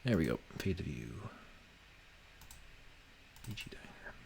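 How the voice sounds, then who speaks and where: A man with a gravelly bass voice and darkish tone hosts a casual game development livestream over an online voice call. He speaks unhurriedly with big pitch swings, joking, swearing, and sometimes muttering to himself while he works. There's slight background noise.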